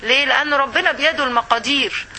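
A woman's voice: sits high, quick pace, pushed and bright, a little hiss or hum, rough recording. A woman with an Egyptian Arabic accent giving a religious lesson to women, often asking rhetorical questions and checking in with "okay?". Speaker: religious teacher.

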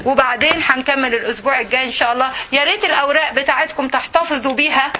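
Brief: Egyptian woman religious teacher, high bright voice, quick and animated delivery. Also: a little hiss or hum. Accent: Egyptian Arabic. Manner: animated, asks the class "okay?" often. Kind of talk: Islamic lesson to women.

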